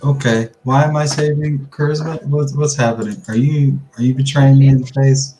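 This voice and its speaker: A man chats casually as a player at a game table. He has a mid-pitched voice and a questioning, repetitive way of talking, with faint music behind. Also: fairly even intonation, normal speed, dark tone, poor audio.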